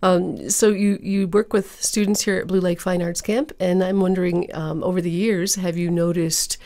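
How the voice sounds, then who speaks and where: A woman speaking as a public radio host, presenting classical music and interviews in a measured, conversational announcer's manner. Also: lowish voice, fairly even intonation, mellow. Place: radio studio.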